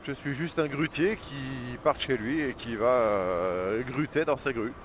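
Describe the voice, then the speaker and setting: Male vlogger, voice muffled inside a motorbike helmet, halting and chatty, tinny lo-fi sound with light background noise. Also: medium pitch. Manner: chatty, halting, many fillers. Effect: talking inside a motorbike helmet. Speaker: crane operator. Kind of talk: casual vlog while riding. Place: outdoors on a small motorbike.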